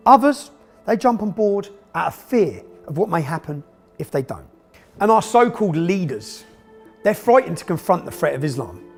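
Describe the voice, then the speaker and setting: Male documentary narrator, sarcastic and emphatic, high and lively delivery.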